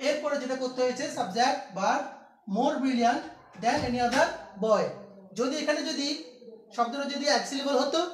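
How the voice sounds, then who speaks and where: A man's voice: extremely high pitch, moderate pace. A man teaching an English grammar lesson, repeating key steps and asking his students questions. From Bangladesh. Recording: echoey room, distant mic.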